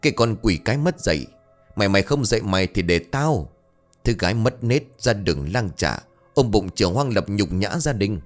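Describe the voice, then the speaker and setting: A man's voice: lowish voice, animated, normal speed, faint music behind, lightly acted. A man voicing a harsh middle-aged village stepmother who shrieks insults and wails. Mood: scolding.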